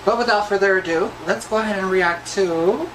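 A man's voice: high voice, brisk, far from the mic, background noise. A man from the United States, a drag queen, giving casual reaction commentary with gushing, slangy banter. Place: small decorated studio, indoors. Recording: music behind the talk.

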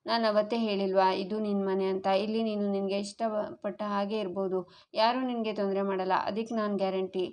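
A calm, caring elder brother speaks gently and reassuringly, as a woman reads his part. The voice is mid-pitched and flat in contour. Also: fairly quick, natural voice.

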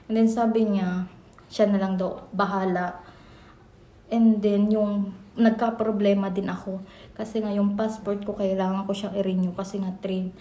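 Chatty Filipino woman in an echoey room. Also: medium pitch. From Philippines. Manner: chatty, rambling with restarts. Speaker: vlogger. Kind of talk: casual storytelling vlog. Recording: echoey room, faint noise.

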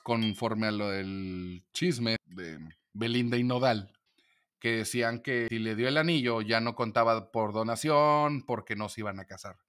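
Mexican man, lawyer, monologue video, bright clear voice, animated storyteller. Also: on the low side, measured pace. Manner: animated storyteller acting out quoted dialogue.

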